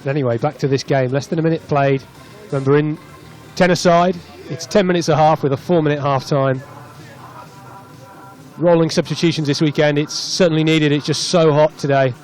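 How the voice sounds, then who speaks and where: A man's voice: fairly high pitch, brisk, soft background music. A man commentating live on a rugby tens match from the stand of an open stadium, chatty between plays and lifting when play breaks open. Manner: chatty, rising excitedly on breaks.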